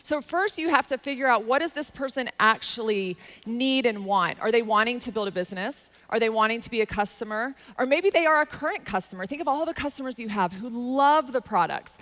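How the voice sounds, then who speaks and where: Southern lady chatting on a panel, upbeat, says like a lot, voice a bit on the high side. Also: animated, brisk, few pauses, fairly bright tone. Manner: chatty and enthusiastic, with many "like" fillers. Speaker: company representative sharing her experience. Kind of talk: casual panel talk.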